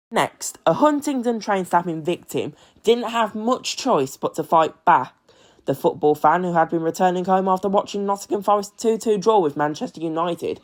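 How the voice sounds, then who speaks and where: A young British man reading an amateur news bulletin from a script in a measured, formal way. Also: fairly high pitch. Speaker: news presenter.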